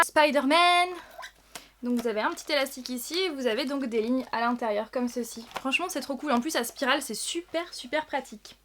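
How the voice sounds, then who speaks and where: A woman chatting through an unboxing vlog in a high, bright voice. She gushes over each item, piling up the same praise words again and again. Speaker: vlogger.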